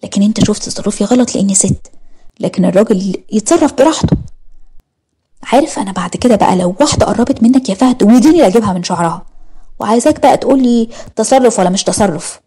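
A jealous, fiery young wife in an audio story, voiced by a woman. She speaks emphatically and pleads with an Egyptian accent. The delivery is fast, the tone warm and husky. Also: medium pitch, animated. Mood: pleading. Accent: Egyptian Arabic.

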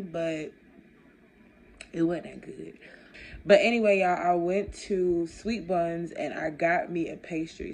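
A woman's voice: sits low, slight background noise. A young woman chatting casually to camera in her bedroom, laid-back and slangy, recorded on a phone at arm's length. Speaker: vlogger. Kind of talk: casual chat. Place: bedroom at home.

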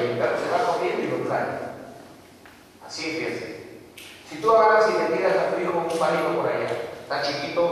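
Man preaching a sermon, swoopy lively voice, recorded from far back in a church hall with faint room noise. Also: fairly high pitch. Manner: lively storytelling, asks the congregation questions. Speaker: pastor.

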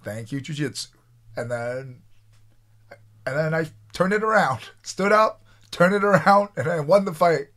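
A man in his forties from Taiwan, telling his own stories as a guest in a casual interview, animated and quoting himself. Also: fairly high pitch, a little slow, pauses often. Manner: animated, restarts often, quotes himself. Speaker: guest, former fighter.

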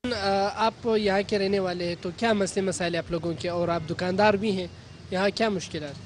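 A man's voice: high voice, fairly even intonation, moderate pace, faint music behind. A man, working as a street reporter and asking passers-by formal questions, with many "uh" fillers. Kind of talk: vox pop interviewing.

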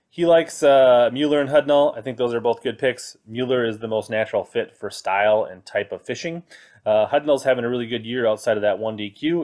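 Casually covering his picks on a fantasy fishing podcast, a man in his thirties leans on many fillers while reading from web pages. He has a lowish, a little mellow voice, and the indoor recording is a screen capture with a webcam inset.

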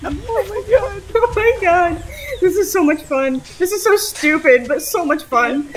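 A woman chatting with friends over a multiplayer game, laughing a lot and yelling urgent callouts. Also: very high voice, a little slow, a little hiss or hum, poor audio. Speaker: gamer. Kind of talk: excited multiplayer game chat.

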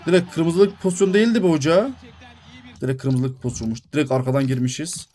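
A young man calls his own football video game play by play. His voice sits a little high, and it turns excitable and loud at goals, then sulky at the referee's calls. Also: brisk. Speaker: gaming YouTuber.

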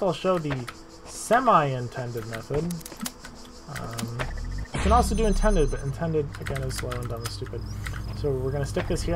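A man casually narrating a speedrun tutorial over gameplay, relaxed and self-deprecating, with many fillers and repeated words. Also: medium pitch, noisy background. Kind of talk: casual gameplay walkthrough commentary.

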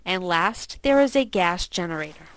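A woman narrating her home-built gasifier experiments as a scripted voice-over, steady and explanatory. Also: fairly low pitch, normal speed, rough recording. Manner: steady, explanatory, with small slips. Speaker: channel host narrating.

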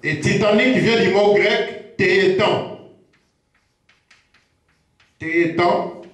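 A man preaching a teaching sermon, slow and repetitive, pausing to check himself as he goes. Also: high-pitched. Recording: very echoey room.

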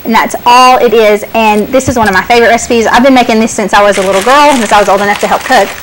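Young woman with a high, chatty voice. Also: fast talker, noisy background. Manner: chatty, upbeat, explaining step by step. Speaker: cooking show co-host. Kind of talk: casual cooking demonstration. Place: small indoor TV studio set.

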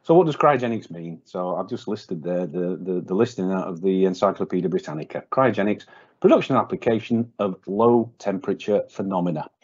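A man's voice: low voice, a little fast, darkish tone, husky. A man presenting a technical webinar for a welding company, speaking off the cuff with many fillers and repeated words. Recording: dull lo-fi webinar audio.

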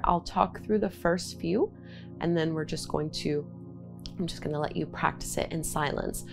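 A woman in her thirties teaching yin yoga in a soothing, gentle, instructive way. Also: lowish voice, gravelly. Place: indoor home studio room, seated and lying on a mat.

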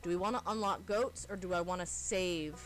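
A woman's voice: lowish voice, a little fast. A woman chatting casually as she plays a co-op game. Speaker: co-op game streamer. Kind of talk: casual gameplay chat. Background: soft game music.

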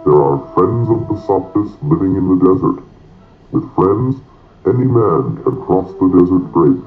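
Very low, voice-changed desert envoy, formal, cryptic backwards phrasing, tinny game audio. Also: male voice, lively intonation, unhurried, faint music behind. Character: male desert envoy, formal, odd inverted speech. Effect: processed as if through a voice changer. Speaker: game character.

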